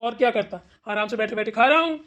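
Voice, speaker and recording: A woman's voice: a little high, quick pace, voice pushed down, natural voice. Woman putting on a lazy easygoing husband. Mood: placating. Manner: easygoing, placating. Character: lazy grown son eating, mild husband. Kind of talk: cartoon voice acting.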